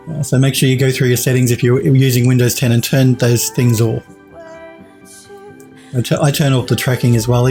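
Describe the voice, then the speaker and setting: A rambling Australian man in his forties talks to his live-stream viewers from a home desk, his voice sitting at an ordinary middle pitch. He drifts through restarts and small laughs as he answers comments. Faint music plays quietly underneath. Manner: rambling, chatty, many restarts and chuckles. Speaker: 3D modelling streamer.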